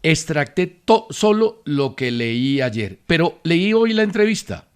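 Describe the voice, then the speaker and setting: Male sports radio host, slightly high voice, measured and emphatic. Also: sing-song, smooth. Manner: measured, emphatic opinion delivery. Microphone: studio radio mic.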